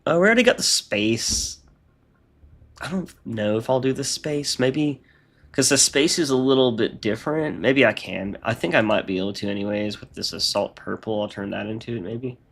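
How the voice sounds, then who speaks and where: A man's voice: medium pitch, normal speed, gravelly, a bit bright. A man with a congested, nasal voice, chatting casually on a live stream as he rambles through his modding work aloud.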